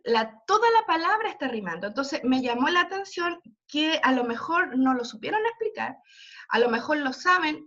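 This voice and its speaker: A woman's voice: sits high, pushed and bright. A woman teaching an online literature class, explaining step by step and checking in with her students. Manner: explanatory, checks in often with "¿ya?" and "¿cierto?". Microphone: computer mic on a video call. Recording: dull lo-fi video call audio.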